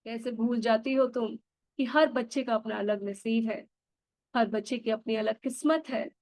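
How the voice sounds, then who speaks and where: A woman's voice: on the high side, steady tone, moderate pace, a little mellow, no echo, studio quality, natural voice. A woman voicing a hurt, reproachful little girl, the inner child, who pours out complaints. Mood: scolding. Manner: scolding, pleading complaints.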